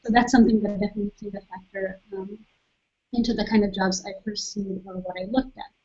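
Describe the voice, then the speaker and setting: A young woman from Saudi Arabia speaks as a webcast guest. Her voice is soft and slightly husky, sitting at a middle pitch, and she explains things in a patient, measured way. The sound is dull and lo-fi, like a basic webcast mic. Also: fairly even intonation. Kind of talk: webcast talk.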